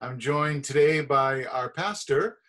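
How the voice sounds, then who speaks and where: A middle-aged man hosting a church interview show, who introduces his guest in a relaxed, hesitant way with many "um"s over a video call. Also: mid-range voice, slow pace. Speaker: host.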